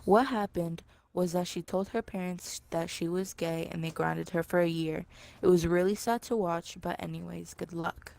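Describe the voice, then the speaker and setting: A woman's voice: on the low side, fairly even intonation, normal speed, gravelly, darkish tone. A woman co-hosting a livestream who reads a story aloud and chimes in bluntly with short reactions. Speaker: livestream co-host. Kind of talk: casual chat, reading a story aloud.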